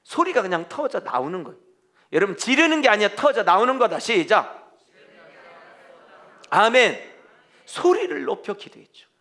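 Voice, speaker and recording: A man's voice: high voice, very animated, normal speed, long pauses, bright, forceful tone. A man preaching a fervent sermon as pastor, firing rhetorical questions at the congregation. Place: church.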